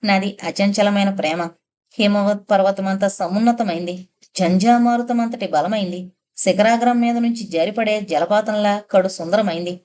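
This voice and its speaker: A woman's voice: mid-range voice, moderate pace, darkish tone, clear, resonant tone, natural voice. A woman reading a teasing young woman. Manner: teasing, lightly mocking. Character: playful teasing young woman, quick-witted. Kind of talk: audiobook character reading.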